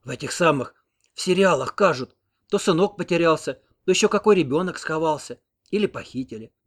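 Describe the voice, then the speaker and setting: Scolding old grandmother in her seventies, read by a man: shrill, weepy, raised pitch. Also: lively intonation, a little fast. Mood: lamenting. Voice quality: shrill scolding, sucking at false teeth. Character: angry tearful old village grandmother.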